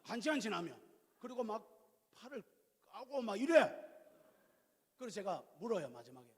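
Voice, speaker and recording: A male pastor in his fifties preaching a sermon, telling stories in a lively, colloquial way with questions to the congregation. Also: sits high, normal speed. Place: church sanctuary. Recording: reverberant church hall.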